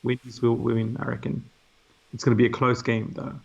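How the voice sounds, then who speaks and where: A man's voice: mid-range voice, level tone, moderate pace, vocal fry, slightly rough. A man co-hosting a live cricket stream in casual chat, reading out viewer comments. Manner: chatty, reads out viewer comments. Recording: muffled lo-fi stream audio.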